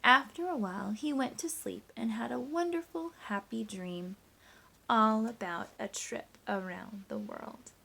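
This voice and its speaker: On a rough recording, a woman teacher with a rather high, gravelly, bright voice and a forceful tone reads a picture book expressively without hurrying. She leads young listeners through simple sums step by step, prompting them with questions.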